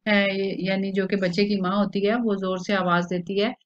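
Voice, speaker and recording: A woman teacher explaining a play line by line to students, with frequent hesitant pauses. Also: medium pitch, level tone. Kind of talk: explaining a literature lesson. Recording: dull lo-fi recording.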